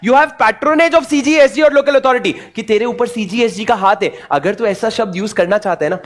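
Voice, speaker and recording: Young guy teacher from india, high voice, super animated revision class. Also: moderate pace. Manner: animated, mixes Hindi and English, plays student questions himself. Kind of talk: exam revision lecture.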